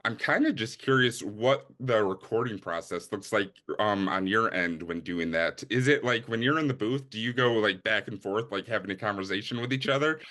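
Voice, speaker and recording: Male interviewer, fairly low but bright voice, chatty, agreeable and keen. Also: moderate pace, few pauses. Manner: enthusiastic, agreeable. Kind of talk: casual interview chat.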